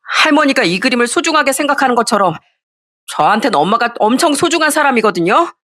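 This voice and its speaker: A woman's voice: a little high, sing-song, fast, bright, forceful tone, voice pushed up, heavily acted. A woman voicing an eleven-year-old boy who speaks up bluntly and earnestly for his mother, in an audio story reading.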